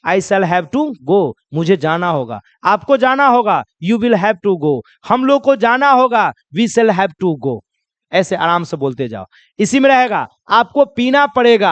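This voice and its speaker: A man's voice: high-pitched, smooth, dry recording, dull audio. A man teaching spoken English in a lesson, drilling example sentences and asking and answering his own questions. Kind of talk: classroom lesson.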